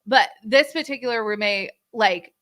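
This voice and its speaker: Bright-voiced woman telling rambling anecdotes. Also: fairly high pitch, moderate pace. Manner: rambling anecdotes, many restarts, laughs mid-sentence. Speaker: guest on a reality TV discussion stream. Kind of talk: casual live-stream chat.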